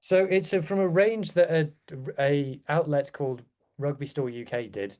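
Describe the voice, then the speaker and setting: A man's voice: fairly high pitch, moderate pace, darkish tone. A man chatting casually as a rugby podcast guest, with wry, self-deprecating asides. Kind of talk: casual chat.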